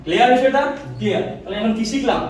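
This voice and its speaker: A male physics teacher lecturing a class, firing quick questions and repeating answers in a call-and-response drill. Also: extremely high pitch. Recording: echoey room, mic far off.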